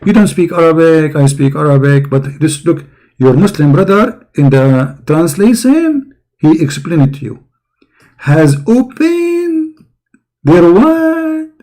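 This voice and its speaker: Man, online commentator, gravelly and dark, sarcastic and mocking, voice going hoarse. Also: on the high side, animated, normal speed. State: losing his voice.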